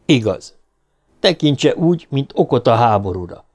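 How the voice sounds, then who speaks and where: A man's voice: mid-range voice, very animated, darkish tone. A man reading as a cool scheming conspirator. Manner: cool, slightly irritated, lecturing. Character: cool, calculating male conspirator. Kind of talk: audiobook reading.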